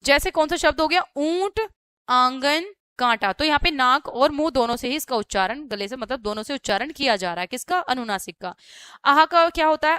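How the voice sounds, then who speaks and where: Bright, high-voiced woman teaching a lesson. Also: no echo, studio quality. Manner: explains step by step, asking and then answering her own questions; repeats "ठीक है" often as a check-in. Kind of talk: classroom-style grammar lesson.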